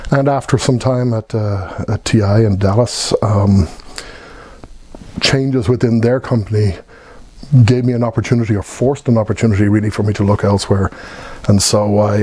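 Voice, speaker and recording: Low, husky Irish man in his fifties. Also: dark tone, no echo. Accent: Irish (Dublin). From Ireland (Dublin). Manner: reflective, measured, with pauses and restarts. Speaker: Irish emigrant telling his story. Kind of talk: personal life-story recollection.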